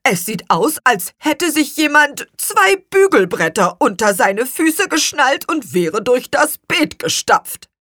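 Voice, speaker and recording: Woman doing a shrill, outraged little apple man. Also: takes it slowly, hardly any pauses, no room sound, clean studio sound, full character voice. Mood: indignant. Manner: scolding, excited. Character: indignant little male apple man, chief of his kind.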